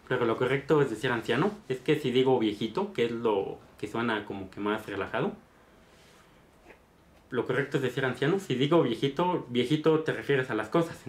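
A man's voice: mid-range voice, animated, fairly quick. A man with a Mexican accent, casually retelling a story in a chatty, meandering way. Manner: chatty, meandering, tag questions. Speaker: vlogger. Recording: roomy echo.

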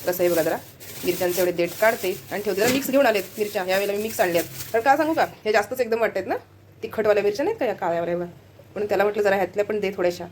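A woman with a medium-pitched voice hosts a casual family vlog from her home kitchen, talking fast and directly to viewers. She chats nonstop with plenty of fillers, and her phone picks up clear household noise all around.

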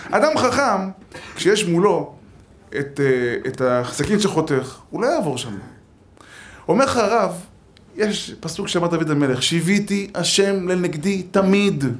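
A man preaching a Torah lesson with a somewhat high voice. He tells lively stories and acts out quotes and jokes as he teaches. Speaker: rabbi.

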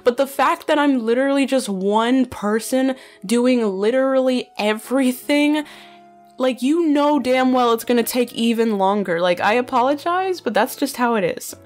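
Soft music sits behind a young woman's high, slightly nasal voice as she talks at a normal speed, casually answering questions from fans. Her chatty delivery is full of fillers such as "like" and "bro."

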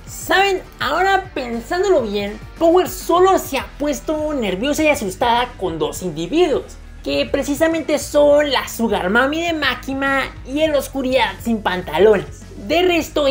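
A woman's voice: high-pitched, animated, a little slow, hardly any pauses. A woman narrating casual anime commentary in a slangy, jokey way with crude humor. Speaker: anime video essayist. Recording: faint music under the voice.

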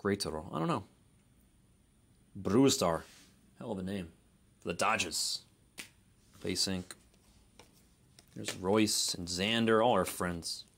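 A man's voice: low voice, slow pace, vocal fry, long pauses, fairly bright tone. A man hosting a live card break, giving easygoing running commentary and second-guessing how to pronounce names. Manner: easygoing running commentary, unsure of name pronunciations.

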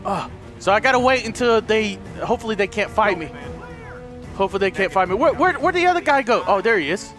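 Excitable male gaming host, very high pitched, shouts and curses constantly, over game music. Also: fast talker. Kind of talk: frantic gameplay commentary.

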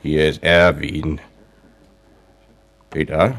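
A man playing a chummy, persistent drinking buddy in a deadpan prank call over the phone. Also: sits low, brisk. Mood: deadpan, familiar. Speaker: prank caller.

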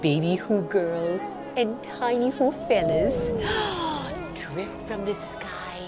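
An actress playing a gentle townswoman who recalls raising a child, speaking in a soft, rhyming storybook manner, with loud film music behind her. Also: a little high, wildly swooping pitch, slow, heavily acted. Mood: fond. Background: loud film score music.

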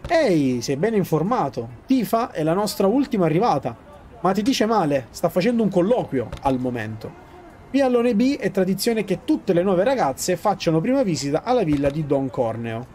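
A man's voice: high-pitched, sing-song, normal speed, darkish tone. A man reading a smug, mocking club doorman.

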